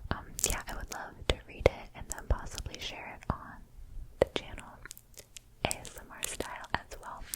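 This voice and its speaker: A woman whispering an ASMR ramble in a breathy, unvoiced voice, softly repeating words and moving between quick bursts and slow, drawn-out phrases. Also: rough recording. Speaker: ASMR video creator.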